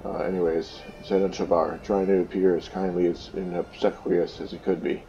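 A man's voice: deep voice, flat delivery, moderate pace, warm tone, dull audio, faint music behind. A man hosting a game playthrough, reading a book aloud plainly and stopping to explain things with casual fillers. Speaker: let's play host.

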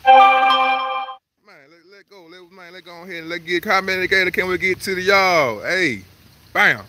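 A man vlogging live at an outdoor zoo, joking loudly in slangy banter. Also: sits high, moderate pace, faint music behind. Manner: loud, joking, slangy banter with frequent laughs. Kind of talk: casual live vlog.

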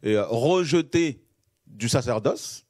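A man's voice: medium pitch, expressive, slow pace, a little mellow, dry recording, clean studio sound. A man preaching a sermon, reading scripture and stressing key phrases by repeating them, calling his listeners friends.

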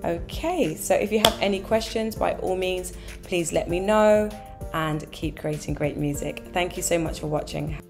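A woman with a hoarse voice, walking through a music software tutorial step by step, with fillers and easy asides. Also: on the low side, normal speed. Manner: relaxed step-by-step explaining with fillers.

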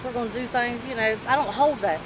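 A middle-aged woman chatting candidly in a street interview, animated and talkative, in an outdoor parking lot. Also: a little high, fast talker. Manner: animated, chatty, acts out quoted voices. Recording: street noise in the background.

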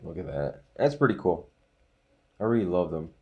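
A man in his thirties hosting a casual unboxing vlog, reading titles off with small relaxed asides. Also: deep voice, normal speed, highs cut off. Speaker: channel host unboxing a disc set.

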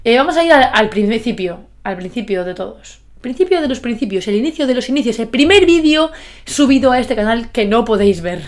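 Slightly high-voiced and fairly quick, this Galician YouTuber in her twenties chats excitedly indoors in her bedroom, poking fun at herself with outbursts of shouting and laughter. Her Spanish accent is from Galicia, and the reaction vlog is captured via webcam and earphone mic.

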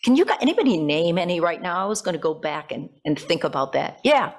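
A middle-aged American woman, a pastor, preaches a reflective sermon from the church pulpit into a gooseneck microphone, moving phrase by phrase and putting questions to the congregation. Her voice is lowish and fast, with big swings in pitch.

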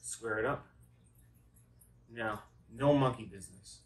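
A man's voice: medium pitch, takes it slowly. A middle-aged man presenting a card trick in chatty magician patter, wandering off into tongue-in-cheek asides. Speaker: magician co-host of a magic show. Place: small dark room, indoors. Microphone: phone camera set back from the table. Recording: voice distant from the microphone.

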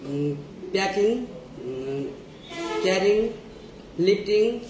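A man's voice: sits high, expressive, extremely slow, reverberant, distant mic, background noise. A man in his twenties answering a job interview in short, hesitant replies with filler hums. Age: 20s. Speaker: job applicant. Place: small indoor room, seated at a table.

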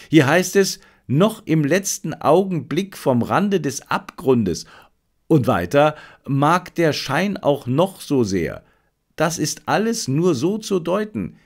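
A man's voice: on the high side, gravelly, voice pushed up, full character voice. A man voicing an urgent, lecturing detective. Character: brilliant, intense male detective, fired up.

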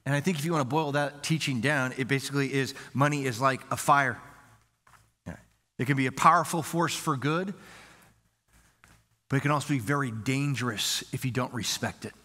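A man's voice: mid-range voice, normal speed, bright, forceful tone. A man preaching a sermon as pastor, earnest and repetitive, asking the congregation rhetorical questions. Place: church sanctuary.

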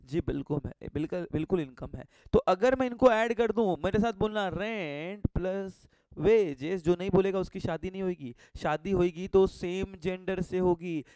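A man's voice: high-pitched, moderate pace, hardly any pauses, darkish tone, clean tone, no room sound. A man teaching a live online commerce class, joking and telling stories, quizzing students and mixing in English phrases. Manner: mixes Hindi with English phrases.

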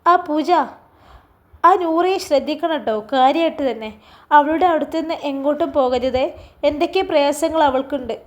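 A woman reading a gentle, concerned man. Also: sits high, moderate pace, natural voice. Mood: earnest. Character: man, a concerned, caring boss.

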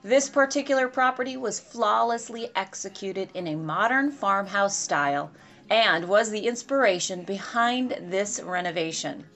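A woman in her forties, a realtor, presenting a home renovation series to camera in a clear, upbeat scripted style from a house under construction. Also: mid-range voice, unhurried, fairly bright tone, soft background music.

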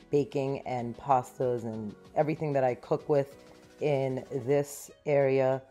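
A woman's voice: extremely low pitch, mellow. A woman in her thirties narrating her own cleaning video at home, upbeat and explaining each step plainly. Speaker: cleaning vlogger. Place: small home, living room and pantry.

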